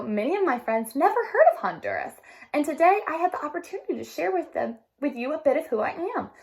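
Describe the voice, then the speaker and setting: A woman voicing a shy young schoolgirl in a storybook read-aloud. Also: a little high. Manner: upset, pleading.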